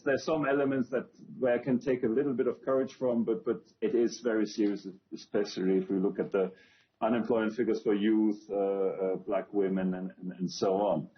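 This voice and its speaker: A man's voice: lowish voice, highs cut off. A man, an employment policy expert, answering a TV news interview in a thoughtful, sober way.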